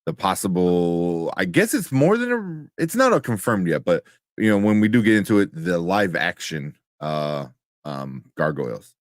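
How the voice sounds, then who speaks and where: A young man co-hosting a live pop-culture chat show, relaxed and rambling with restarts. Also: deep voice, moderate pace, no echo, clean studio sound. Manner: laid-back, rambling with restarts and laughs. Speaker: co-host of live nerd news show. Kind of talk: casual chat.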